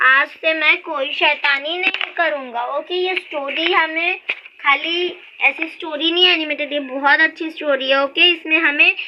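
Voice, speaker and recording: A young woman teacher who reads lines from a story aloud and then explains them in simple words. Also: high-pitched. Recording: dull lo-fi sound.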